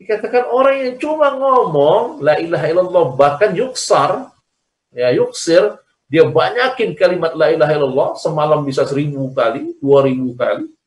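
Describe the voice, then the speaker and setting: A man's voice: on the high side, lively intonation, moderate pace. A man teaching an online religious lesson, explaining by repeating his points and asking his listeners to agree. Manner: explains by repetition, asks "ya kan?". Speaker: Islamic teacher. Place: recorded over a video call. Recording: echoey, distant video-call audio.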